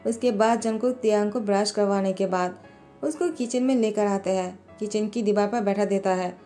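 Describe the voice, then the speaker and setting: A woman narrating a story with plain, steady storytelling. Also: medium pitch, normal speed. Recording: voice-over with background music.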